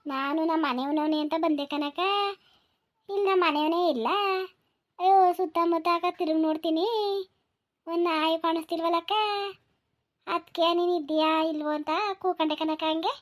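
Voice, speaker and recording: A woman's voice: very high voice, level tone, normal speed, pauses often. A woman voicing a fretful village wife who sighs over and over, with a rural Mysore-Mandya Kannada accent. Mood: relieved. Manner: fretful, repeated sighs of "ayyo". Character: village woman looking for her husband, fretful. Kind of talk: cartoon voice acting.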